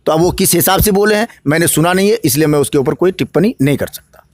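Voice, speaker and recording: Bihari man, candidate, high voice, preacherly answers building to declamation, dry close sound. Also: fast, no room sound. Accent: Bihari Hindi-Urdu. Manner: preacherly, rising to emphatic declamation. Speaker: election candidate. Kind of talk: political interview answers.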